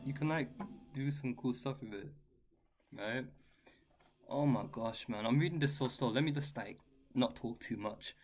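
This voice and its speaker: A man giving a relaxed guitar lesson and answering viewers' questions, with a chatty, loose, slangy way of talking. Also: medium pitch, normal speed, long pauses. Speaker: guitar teacher. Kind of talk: casual live-stream Q&A. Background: his own guitar playing.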